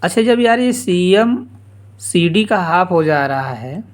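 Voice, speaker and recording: Slow, casual math teacher. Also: male voice, high-pitched, expressive. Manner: casual, repeats steps, calls listeners "yaar". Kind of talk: blackboard geometry lesson.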